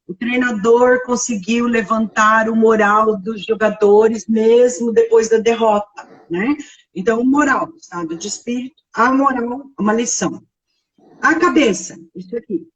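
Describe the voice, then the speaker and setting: A woman's voice: fairly high pitch, recorded from a distance, highs cut off. A woman teaching grammar in a live online lesson, explaining step by step and checking in with her listeners often. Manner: explanatory, frequent checking tags.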